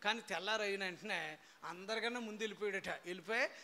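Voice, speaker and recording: A man preaching a sermon as pastor, quizzing his congregation in call-and-response and swinging from low storytelling to shouted praise. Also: fast talker. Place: church hall before a congregation.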